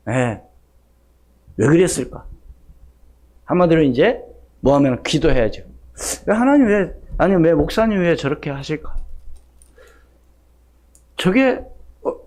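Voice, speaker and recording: A man's voice: sits high, a little mellow. A male pastor preaching a sermon in a church, firing rhetorical questions at the congregation and acting out what people say. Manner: acts out quoted speech in shifting voices. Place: church sanctuary.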